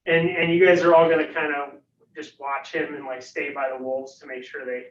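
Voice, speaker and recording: Speaking at a moderate pace with a flat delivery, this man's voice sits on the high side. He's game-mastering a tabletop session for a livestreamed faculty game, stumbling through with plenty of fillers, captured in a room on a roomy, distant, dull recording.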